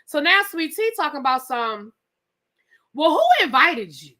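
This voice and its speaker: A TV show reviewer hosting a live recap speaks a little slowly in a high voice. She narrates the episode conversationally, acts out what characters said, and throws in some swearing.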